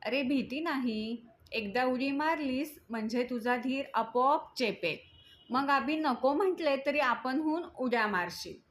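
A woman's voice: sits high, unhurried. A woman voicing a village boy who coaxes his friend along. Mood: coaxing. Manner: coaxing.

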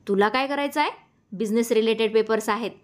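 A woman's voice: a little high, lightly acted. A woman reading a story aloud, voicing a scornful, scheming middle-aged woman who speaks sharply and in a hurry. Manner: sharp, mocking and hurried. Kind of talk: audiobook character voice.

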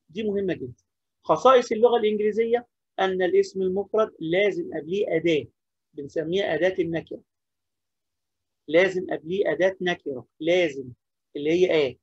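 A man's voice: high voice, slightly rough, dry recording, highs cut off. A man with an Egyptian accent teaching an English lesson, repeating key points and asking questions, then answering them himself. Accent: Egyptian Arabic. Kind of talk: classroom-style lesson explaining grammar.

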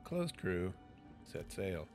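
A man's voice: sits low, big pitch swings, slow pace, a little mellow, soft background music. A man giving casual commentary while he plays a game, musing aloud to himself. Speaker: game streamer.

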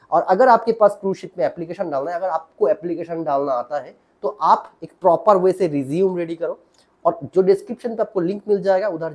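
A man's voice: on the high side, a little mellow. A man hosting a channel, giving casual job advice straight to the viewer, repeating points and checking in with the listener. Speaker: channel host, job guidance. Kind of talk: casual direct-to-camera advice.

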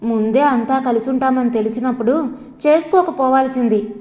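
A woman's voice: high voice, moderate pace, a little mellow, natural voice. A woman voicing an angry, resentful young husband who talks in a complaining, scornful way. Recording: long reverb.

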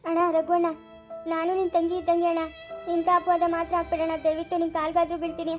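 A woman's voice: very high-pitched, completely flat delivery, fast, soft background music. A young female performer playing an orphaned village girl who begs not to be called a thief, in a family drama. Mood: pleading. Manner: pleading, begging. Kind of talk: amateur family drama acting.

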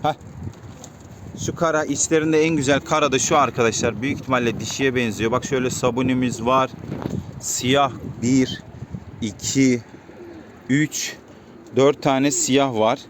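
A man's voice: mid-range voice, fairly even intonation, a little slow, pauses often. Man chatting outdoors at his pigeon loft. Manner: chatty, calls out to birds in repeated commands. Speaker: pigeon keeper vlogger. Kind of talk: casual vlog talk to viewers. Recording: faint outdoor noise. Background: birds and city sounds.

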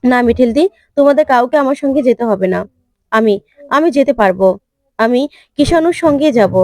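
A woman voicing a calm, gentle young wife. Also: high voice, a little fast, no echo, studio quality. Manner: calm, reassuring.

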